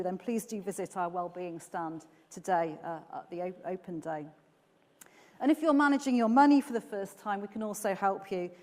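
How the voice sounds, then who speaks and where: A woman's voice: medium pitch, darkish tone, big-room sound. A woman giving an earnest, upbeat welcome speech to prospective students, with the odd filler. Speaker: university speaker giving welcome talk.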